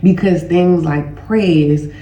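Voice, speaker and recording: A woman speaks slowly in a fairly low, warm voice while nursing a stuffy nose and sore throat. As a healing educator and host, she keeps a loose, conversational manner and refers to her viewers as "y'all." The recording has a roomy echo.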